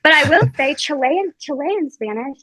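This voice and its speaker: In a casual interview, a young woman reporter guesting on a podcast gives chatty answers packed with fillers and restarts. Her voice is high, expressive, pushed and bright, at a normal pace, in a dry recording.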